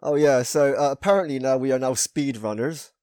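A man's voice: mid-range voice, a little fast, darkish tone, no room sound. Jokey man, dry close sound. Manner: laughing, crude, jokey. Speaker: podcast co-host. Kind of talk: casual podcast banter.

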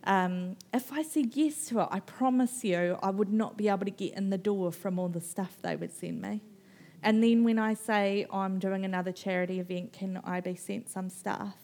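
Animated, rambling woman author. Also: mid-range voice, normal speed, hardly any pauses. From New Zealand. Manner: animated, rambling, laughs often, mimics people. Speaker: author guest. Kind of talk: live festival conversation.

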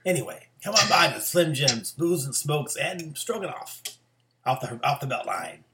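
A man voicing a shady, vague local shop pitchman in a deadpan, clipped mock radio ad. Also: normal speed, very noisy. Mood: deadpan, evasive.

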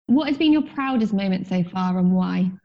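A woman interviewing a guest, asking polite, measured questions. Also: medium pitch, expressive, warm tone. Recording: dull lo-fi with faint music.

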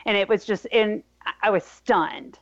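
A woman's voice: medium pitch, normal speed, vocal fry. A woman with an Arkansas accent co-hosting a casual travel podcast. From Arkansas, USA. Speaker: podcast co-host. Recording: dull lo-fi voice audio.

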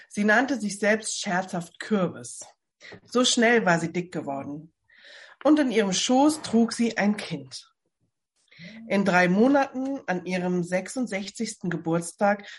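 A woman reading a Bible novel aloud from home for a church service, in calm storytelling. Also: mid-range voice, husky. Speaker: lay reader.

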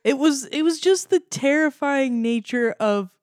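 A woman guest on a casual podcast chat, telling a story in an animated way. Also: sits high, a little slow, dry recording, clean studio sound. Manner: animated storyteller, acts out her own gasps.

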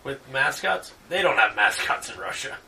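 A man co-hosting a casual movie commentary chat, jokey and animated. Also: mid-range voice, moderate pace, gravelly, recorded from a distance. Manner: jokey, animated, does mock quotes. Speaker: podcast co-host.

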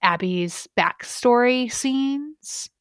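A woman's voice: on the high side, expressive, extremely slow, clean tone, no echo, studio quality. A young woman co-hosting a gaming podcast in casual, rambling, enthusiastic chat. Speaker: podcast co-host.

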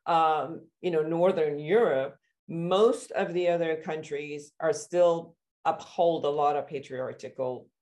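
A woman from Iran, a therapist, hosting a conversational interview and asking long, searching questions, sometimes acting out reactions with sudden high exclamations. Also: a little mellow. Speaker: therapist and podcast host.

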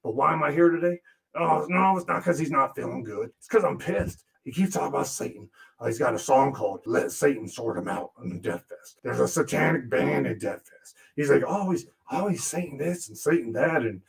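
In a comic in-character monologue, a man operates a foul-mouthed demon puppet whose gravelly, fry-laced voice sits at a middling pitch. The puppet grumbles, sneers and rambles with crude sarcasm, complaining about the very man who works him.

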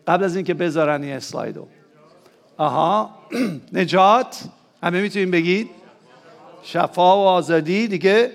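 A man's voice: sits high, gravelly, long pauses. A man with a Persian accent, preaching a sermon to his church. He keeps asking the congregation questions and calls on them to answer aloud. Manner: rises to emphatic, excited peaks. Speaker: pastor.

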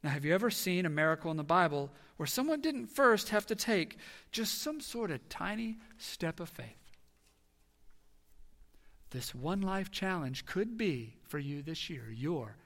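A male pastor in his thirties delivers a sermon with a high, bright, forceful voice. He tells his story earnestly, dropping to a near hush and then rising to loud emphasis. His words carry a long reverb from a large sanctuary. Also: very animated, unhurried. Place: church sanctuary.

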